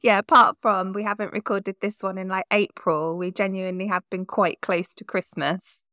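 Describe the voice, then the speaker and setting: A woman's voice: medium pitch, fairly even intonation, normal speed, bright, forceful tone, no room sound, studio quality. A woman co-hosting a podcast, playful and teasing in casual chat. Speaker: podcast co-host.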